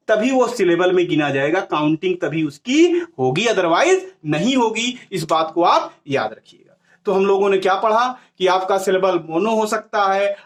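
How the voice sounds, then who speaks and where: High-voiced man teaching a grammar class. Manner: asks questions and answers them himself, repeating key words.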